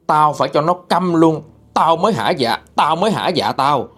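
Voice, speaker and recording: A man's voice: a little high, lively intonation, normal speed, a bit bright, voice pushed up. A man voicing a vengeful teenage boy ghost who has possessed a woman, snarling through his teeth. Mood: spiteful rage.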